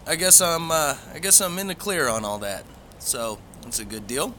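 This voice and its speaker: A man's voice: a little high, sing-song, moderate pace, pushed and bright, a little hiss or hum. A man chatting casually to a livestream as a pipe hobby vlogger, in a rambling, easygoing way with folksy phrasing.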